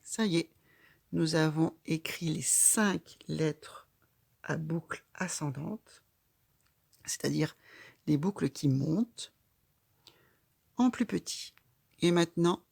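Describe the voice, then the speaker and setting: A woman's voice: low voice, vocal fry, no echo, studio quality. A woman teaching handwriting, giving patient step-by-step instructions to a child. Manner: patient, calm, guiding a child stroke by stroke. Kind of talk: slow step-by-step handwriting lesson.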